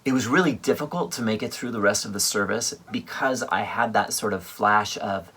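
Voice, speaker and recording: A composer telling a personal story in a rambling, halting way, full of fillers. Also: male voice, fairly low pitch, a bit bright, husky. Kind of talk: casual storytelling monologue. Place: home livestream at a piano.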